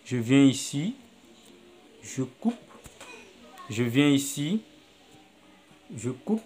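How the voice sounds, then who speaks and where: In this screen-recorded tutorial, a man with a mid-range, slightly mellow voice teaches video editing on a phone app. He goes step by step, thinking aloud and repeating each action as he does it.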